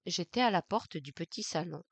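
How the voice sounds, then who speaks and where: A woman reading a novel aloud in the first person, measured and intense. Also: on the low side, lively intonation, creaky, no room sound. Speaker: audiobook reader. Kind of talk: literary audiobook narration in the first person.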